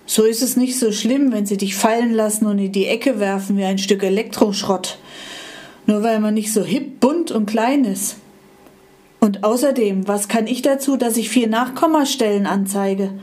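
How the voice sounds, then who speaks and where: A woman's voice: mid-range voice, a little slow, a little mellow, close to an everyday voice. A grumpy, discarded old handheld computer from a storybook grumbles bitterly about being replaced, as a woman acts him out. His tone is curt and resentful.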